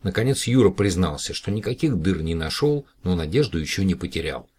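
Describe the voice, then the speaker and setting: A man's voice: deep voice, lively intonation, fairly quick, a little mellow, breathy edge. A man reading a novel aloud as an audiobook narrator, telling the story steadily. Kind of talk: scripted narration.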